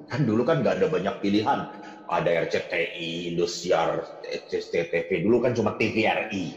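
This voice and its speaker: A middle-aged man preaching to a congregation, telling lively personal stories, and moving between soft and loud delivery. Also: fairly low pitch. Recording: echoey hall, dull sound.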